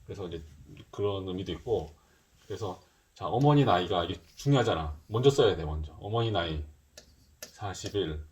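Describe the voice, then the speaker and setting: A man's voice: low-pitched, animated, normal speed, a little mellow. A middle-aged man teaching a middle school math lesson in a casual style, thinking aloud and mixing polite and casual speech. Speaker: math tutor.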